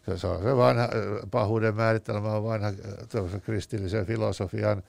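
Low gravelly man telling anecdotes. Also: steady tone, a little mellow, dry recording. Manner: thoughtful, anecdotal, with many hesitations. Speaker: guest author. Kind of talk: discussion on a talk show.

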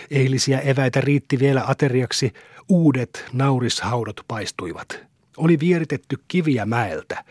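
A man narrating a classic novel in a steady, measured storytelling manner. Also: mid-range voice, no room sound, studio quality. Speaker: audiobook reader.

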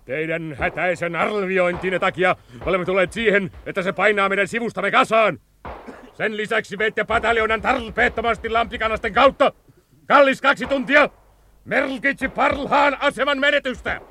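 A harsh, ruthless lieutenant colonel tears into his officers in a radio play. His voice sits very high and cuts sharp and bright. Orders come out as furious barked shouts. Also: steady tone, a little hiss or hum. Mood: cold scolding. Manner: barking, furious shouted commands.

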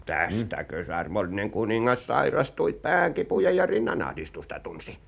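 A gossiping old servant in a vintage radio play. His gravelly voice leaps and dips all over as he relishes every rumor. Now and then he sinks to a near-whisper. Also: lowish voice, sing-song, fairly bright tone, heavily acted. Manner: sing-song storytelling, swooping up and down. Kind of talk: 1940s radio acting.

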